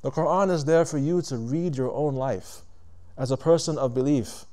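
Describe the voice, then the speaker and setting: A man's voice: mid-range voice, warm tone. A man giving a reflective religious lecture to a live audience, talking conversationally, putting questions to listeners and stopping to rephrase. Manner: deliberate, stops to rephrase.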